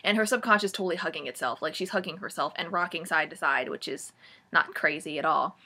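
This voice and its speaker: Bright-voiced sarcastic young woman. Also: low voice, fast talker, husky. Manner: sarcastic, swears freely, leans on filler "like"; gushing then mocking, dramatic sighs and groans. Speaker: vlogger reviewing a book. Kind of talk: casual comic book-review rant.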